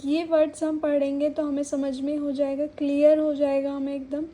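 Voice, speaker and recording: A woman's voice: sits high, flat delivery, normal speed, dark tone, rough recording. A young woman teaching a shorthand lesson, patiently repeating words to sound out each vowel. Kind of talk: explaining a stenography lesson.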